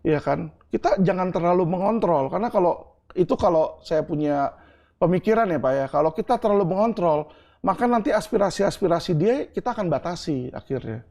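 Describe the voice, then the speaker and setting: Middle-aged guy from indonesia, mellow warm tone, earnest, keeps going "right?". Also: high-pitched, expressive, brisk, creaky. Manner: earnest, explains with homely examples and asks "ya kan?". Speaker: interview guest. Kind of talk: candid interview answers.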